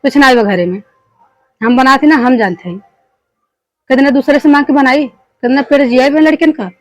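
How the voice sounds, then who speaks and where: Nagging, high-voiced village wife played by a woman, Bhojpuri-Awadhi accent. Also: normal speed, no room sound, close to an everyday voice. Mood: defiant. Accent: eastern Hindi belt, Bhojpuri-Awadhi. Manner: nagging, complaining, rustic speech. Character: fed-up scolding village wife with two boys. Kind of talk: amateur family skit dialogue.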